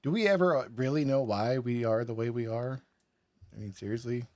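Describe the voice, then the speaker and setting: A man's voice: mid-range voice, a little fast, a little mellow, dry recording, clean studio sound. A tipsy man hosting a live stream, chatting casually and rambling, laughing often. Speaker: podcast and stream host.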